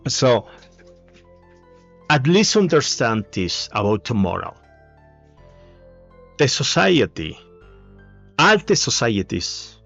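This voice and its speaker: A man speaking English as a second language with a Spanish accent, giving a halting solo talk full of fillers and restarts. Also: medium pitch, a bit bright. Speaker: video essayist. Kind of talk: casual monologue. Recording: dull lo-fi mic with faint music.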